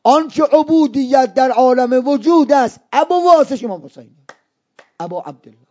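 A male preacher giving a religious lecture to students, explaining slowly and repeating key terms, sometimes dropping to a hush. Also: very high-pitched. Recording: dull lo-fi recording.

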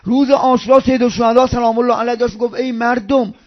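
A male preacher with a high, ringing voice, delivering an impassioned sermon full of retold stories. He lurches from loud cries down to hushed near-whispers and slips into a chanting, sing-song cadence on some phrases. The recording sounds dull and lo-fi. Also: fairly even intonation. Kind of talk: religious sermon with storytelling.

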